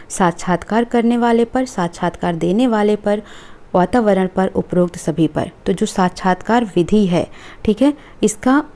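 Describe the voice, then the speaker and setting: A woman's voice: medium pitch, mellow. A woman teacher, going through exam questions and reading out each answer option, often checking in with the class. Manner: reads multiple-choice options aloud, checks in with "ठीक है". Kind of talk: exam question review lesson.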